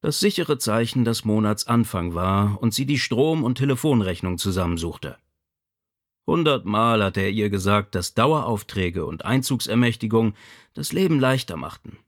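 A man reading a novel aloud as narrator, measured and expressive. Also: fairly low pitch. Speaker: audiobook narrator. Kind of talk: scripted narration.

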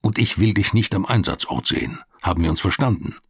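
A man's voice: deep voice, big pitch swings, fairly quick, vocal fry, slightly rough, dry recording, clean studio sound, exaggerated voice. A man reading the part of a serious, authoritative male police official who speaks in a stern, commanding way.

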